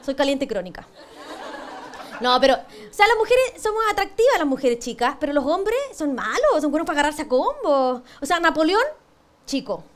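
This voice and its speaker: A Chilean woman's high voice swings widely in pitch as she delivers a comic monologue at a moderate pace on a TV panel show. Her punchlines are crude, and her manner cheeky and self-mocking. Audience laughter fills the background of the TV studio recording.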